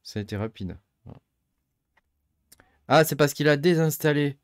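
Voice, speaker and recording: A man, middle-aged, hosting a casual tech tutorial, thinking aloud and filling pauses with many hesitations. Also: a little high, animated, no echo, clean studio sound. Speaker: tech channel host. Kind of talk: casual screen-recorded tutorial.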